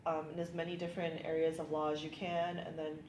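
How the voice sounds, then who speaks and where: A low-pitched woman talks at a quick clip with little change in pitch. She's a Californian immigration attorney in her thirties, upbeat and casual in an interview, leaning on ums and likes, recorded in an echoey space with faint hiss.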